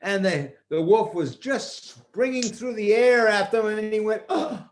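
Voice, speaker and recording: An older man improvising a story for children in a folksy, expressive way, drawing words out for effect. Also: sits high, a little slow.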